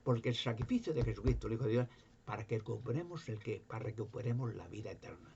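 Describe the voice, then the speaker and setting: A man's voice: medium pitch, animated, fast talker, vocal fry, dark tone. A man preaching informally, reading Bible verses aloud and explaining them with emphatic rhetorical questions. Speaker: religious video preacher. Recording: dull lo-fi home recording with faint noise.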